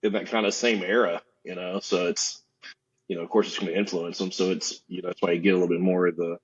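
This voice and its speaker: A man guesting on a podcast as a festival co-owner, talking in a relaxed, easygoing way with lots of "you know". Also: low-pitched, fast talker, husky, muffled recording. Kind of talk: casual interview chat.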